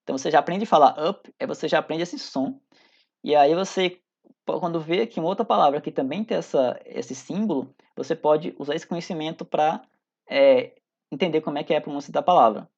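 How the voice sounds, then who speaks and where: A teacher in their thirties with a Brazilian Portuguese accent gives a recorded English class in a chatty, informal way, often hesitating and restarting sentences. The voice is mid-range, a little fast, and darkish in tone. The audio is dull and lo-fi.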